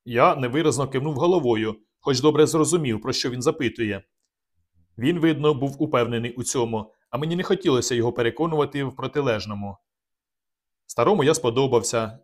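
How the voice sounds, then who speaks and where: A man narrating a novel in the first person, reading in a steady, measured way. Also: mid-range voice. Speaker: audiobook narrator.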